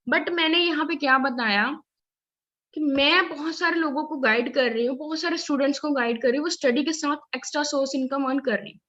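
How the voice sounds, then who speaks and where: A woman with a high, bright voice leads a training session, explaining step by step. She keeps checking that listeners are following. The audio is a little dull and lo-fi. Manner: instructive, often checks "ठीक है?" and "clear है?". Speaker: network marketing trainer.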